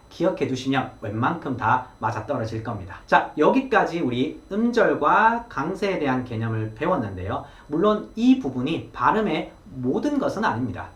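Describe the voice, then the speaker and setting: A man teaching English pronunciation in a lesson, explaining step by step in an encouraging way and modeling words aloud. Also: medium pitch. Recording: echoey room.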